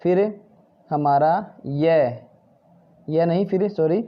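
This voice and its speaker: A man's voice: fairly high pitch, extremely slow, highs cut off. A male Hindi teacher patiently working through textbook exercises, asking questions and answering them himself. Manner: patient, repeats "ठीक है" and "भाई", asks then answers.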